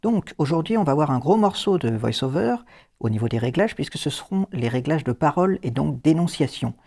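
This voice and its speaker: A man's voice: fairly high pitch, lively intonation, brisk, vocal fry, a little mellow. A man hosting a casual phone accessibility tutorial, explaining settings with fillers and the odd dry joke. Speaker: host. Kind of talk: casual screen-reader tutorial.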